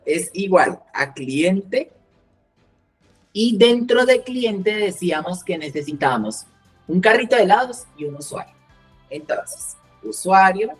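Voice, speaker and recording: Low-voiced woman instructor for a coding lesson, patient step-by-step checks, soft music bed. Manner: explains step by step, checks in with "¿cierto?" and "¿vale?". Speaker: programming instructor.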